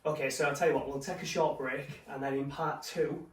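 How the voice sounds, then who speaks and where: A man's voice: fairly high pitch, little pitch movement, fairly quick. A man hosting a casual football podcast with friends in a bedroom, swearing and bantering as he steers the chat. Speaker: podcast host. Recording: roomy echo, mic at a distance, faint noise.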